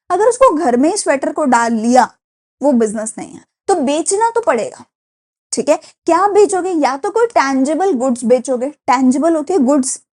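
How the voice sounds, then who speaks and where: High-voiced woman teaching a lecture. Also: darkish tone. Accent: Indian. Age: young adult. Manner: explains with many rhetorical questions and repeated checks with the class. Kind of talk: classroom lecture.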